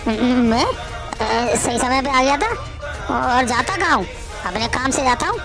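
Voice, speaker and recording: A woman's voice: high-pitched, measured pace, music in the background, crowd noise. Woman doing a drunk, bullying young husband. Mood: defensive. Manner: harsh and scolding.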